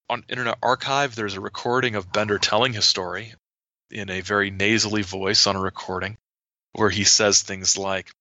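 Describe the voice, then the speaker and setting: A man's voice: lowish voice, pushed and bright, no room sound, muffled recording. A man chatting casually as an author and podcast guest, rambling and often repeating words as he starts a sentence. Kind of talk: casual storytelling chat.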